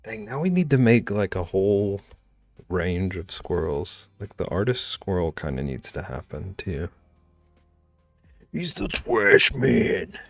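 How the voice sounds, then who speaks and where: A man's voice: low-pitched, animated, moderate pace, a little mellow, no room sound. A man streaming live while he draws, chatting casually and humming and muttering to himself as he works. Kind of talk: casual chat while drawing. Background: faint background music.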